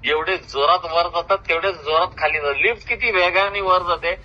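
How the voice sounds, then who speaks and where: This older man, a retired government officer from Maharashtra with a Marathi accent, speaks in a high-pitched, brisk, pushed and bright voice. He boasts and argues at length in a heated, informal phone call that was recorded.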